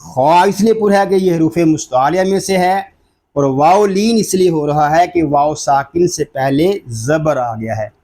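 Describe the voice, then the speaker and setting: A man teaching Quran reading, spelling out letters and vowel marks slowly and patiently explaining each rule again and again. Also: a little high, mellow. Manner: repeats the rules deliberately for memorization. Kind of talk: slow, drawn-out recitation lesson.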